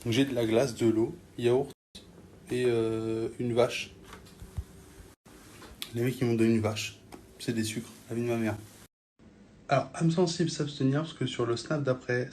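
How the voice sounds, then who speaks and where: Jeune Français au parler cru, son bruité. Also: male voice, medium pitch, fairly even intonation, normal speed, pauses often, a little mellow, slight background noise. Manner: offhand, blunt, swearing. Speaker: vlogger filming stories for followers. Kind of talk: casual chat to camera, slangy.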